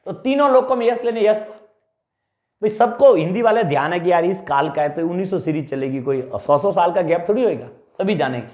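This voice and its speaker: A man teaching a Hindi exam class, drilling memory tricks with animated repeated questions and answers. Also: sits high, fairly quick, roomy sound, dull audio. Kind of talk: mnemonic lecture.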